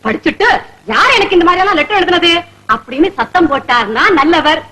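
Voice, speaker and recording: A bossy busybody neighbor woman who schemes and gossips in a high, bright voice that leaps up and down. She talks in the theatrical, exclamatory manner of a 1970s film comedy. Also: animated, quick pace, exaggerated voice, rough recording. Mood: scheming.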